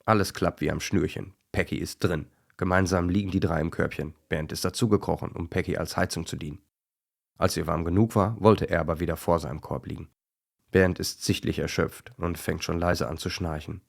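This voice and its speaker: Male narrator, very low voice, gentle bedtime-story reading. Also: steady tone, brisk, creaky.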